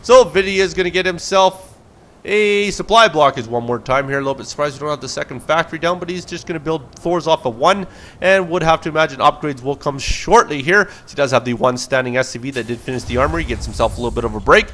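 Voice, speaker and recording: A man's voice: on the high side, quick pace, a bit bright. A man casting a video game replay with play-by-play commentary, casual and joking. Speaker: game caster.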